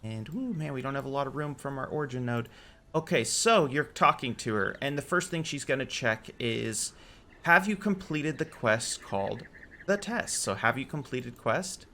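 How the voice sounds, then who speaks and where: A man hosting a casual game server tutorial, relaxed and correcting his own slips as he goes. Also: medium pitch, moderate pace. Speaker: game modding tutorial host. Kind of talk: casual screen-recorded tutorial.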